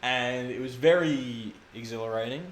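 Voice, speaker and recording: A man's voice: medium pitch, moderate pace. A man telling stories in casual chat, rambling and correcting himself as he goes. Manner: rambling, self-correcting storyteller. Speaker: guest speedrunner. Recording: echoey room, faint background noise.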